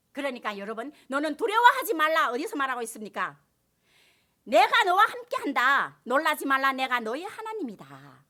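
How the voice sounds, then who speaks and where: A woman's voice: high voice, pushed and bright. A woman pastor preaching a sermon in a church, with rising emphasis and call-and-response with the congregation.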